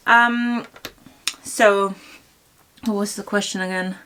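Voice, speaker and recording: A woman's voice: medium pitch, steady tone, slow pace, a bit bright, a little hiss or hum. A young woman chatting casually in a Q&A video, rambling with many fillers and restarts while doing her makeup. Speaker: fashion YouTuber. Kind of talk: casual Q&A chat.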